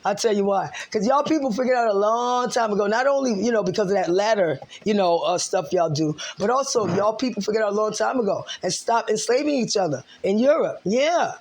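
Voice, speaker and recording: A woman's voice: medium pitch, brisk, few pauses, darkish tone. An American woman venting in a ranting vlog monologue, heated and profane, with many fillers. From United States. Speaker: vlogger.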